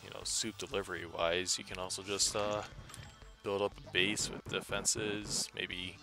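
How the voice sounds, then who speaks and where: A tired man giving casual, rambling gameplay commentary in a flat, monotone voice full of fillers. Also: deep voice, a little slow, creaky, over music. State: tired after a day's work.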